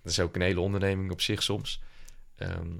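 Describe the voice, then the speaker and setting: A man's voice: sits low, level tone, brisk, gravelly, a bit bright. A young man, an entrepreneur, talking casually in an interview and often hesitating with fillers and restarts. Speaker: entrepreneur guest.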